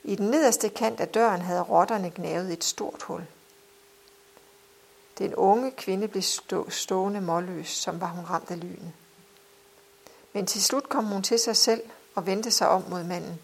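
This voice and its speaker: A woman narrates a novel aloud in a measured, expressive manner. Her voice sits in an ordinary middle register and has a gravelly, creaky grain. The reading is steady and deliberate. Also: medium pitch. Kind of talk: audiobook narration.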